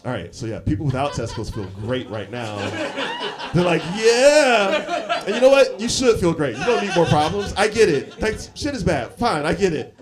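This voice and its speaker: A man in his forties works a live comedy club stage, his pitch leaping up and down as he tells the story. He laughs through lines and piles on fillers. The crowd's laughter fills the gaps. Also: sing-song, moderate pace. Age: 40s. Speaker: stand-up comedian. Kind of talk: live stand-up set. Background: audience laughter.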